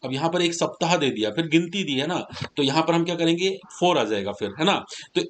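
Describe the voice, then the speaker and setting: A man's voice: fairly high pitch, animated, slight background noise. A man teaching English grammar in a Hindi classroom lesson, explaining patiently step by step and asking his students questions as he goes. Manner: slows down to dictate English words one at a time.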